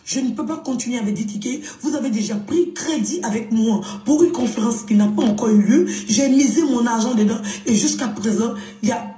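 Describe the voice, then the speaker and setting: A curt, bossy male manager lays down the law, as a woman puts him on. The voice is still fairly high and dark-toned. It sounds roomy and far from the mic. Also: a little fast, soft background music, natural voice. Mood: stern. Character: stern male concert manager, firm and impatient.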